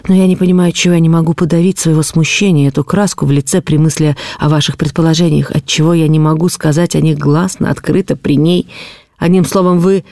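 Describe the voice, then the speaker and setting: Give me a stern, contemptuous nobleman with a mellow voice, as a woman narrator puts him on in an audiobook. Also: sits low, steady tone, dry recording, studio quality. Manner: measured, cutting, contemptuous. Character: stern cold middle-aged nobleman, contemptuous. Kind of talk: audiobook reading of a classic novel.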